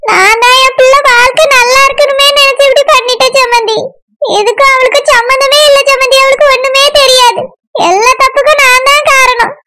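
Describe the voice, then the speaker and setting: A woman's voice: very high voice, fairly even intonation, fairly quick. A woman voicing a desperate older mother who begs her daughter's in-laws for forgiveness in a Tamil cartoon. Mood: pleading. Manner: begs and repeats terms of respect.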